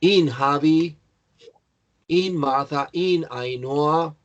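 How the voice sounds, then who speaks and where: Slow-talking teacher. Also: male voice, fairly high pitch, muffled recording. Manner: slow, patient, correcting students by name. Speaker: English teacher. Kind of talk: online class, checking answers.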